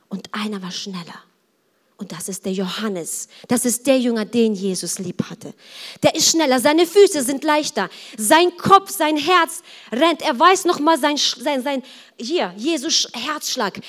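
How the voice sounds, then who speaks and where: Woman preacher, middle-aged, fairly high voice, lively sermon delivery with loud peaks and soft asides. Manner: animated, shifts between loud emphasis and quiet asides. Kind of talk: sermon with Bible reading.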